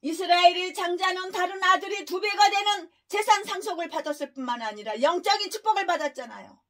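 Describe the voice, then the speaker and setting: A woman's voice: very high voice, fairly quick, a bit bright. A woman pastor preaching a sermon in a harsh, scolding way, firing off rhetorical questions and crude insults. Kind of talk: expository sermon.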